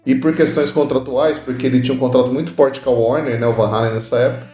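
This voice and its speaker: A man's voice: medium pitch, fairly even intonation, fast talker, mellow, roomy sound, soft background music. A man co-hosting a podcast, chatting casually and recounting movie trivia with playful asides. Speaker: podcast co-host. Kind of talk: casual film chat.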